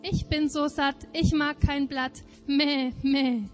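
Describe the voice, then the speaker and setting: A sly, bleating storybook goat, put on by a woman reader. It chants its little rhymes slowly and high, ending on a drawn-out bleat, with soft music faintly underneath. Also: level tone. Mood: smug. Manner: bleating sing-song rhymes. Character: hungry, deceitful nanny goat bleating.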